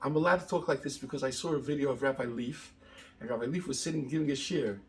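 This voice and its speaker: A man's voice: mid-range voice, fast talker. A middle-aged man, a rabbi, lecturing emphatically and repeating phrases for stress, with Hebrew and Yiddish terms mixed in. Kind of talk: lecture to an audience.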